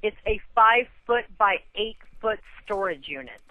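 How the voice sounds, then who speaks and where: An American woman works as a phone agent for a storage rental company, handling a customer service call over a telephone line. Her mid-range voice is animated and unhurried, her manner businesslike and matter-of-fact, with no room sound.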